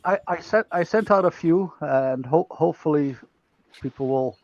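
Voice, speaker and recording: Man, bad breaking-up call connection, muffled lo-fi audio, slightly raised pitch, halting speech. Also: darkish tone, dry recording. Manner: halting, repeats words. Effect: choppy, breaking-up internet call connection. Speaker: livestream guest. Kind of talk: casual group video chat. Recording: dull lo-fi online call audio.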